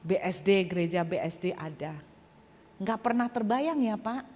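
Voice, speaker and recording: A woman's voice: mid-range voice, measured pace, long reverb tail, a little hiss or hum. A woman pastor preaching a sermon and telling her own testimony, acting out voices and speaking straight to the congregation. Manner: animated storytelling, acting out voices and addressing the congregation directly. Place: church hall.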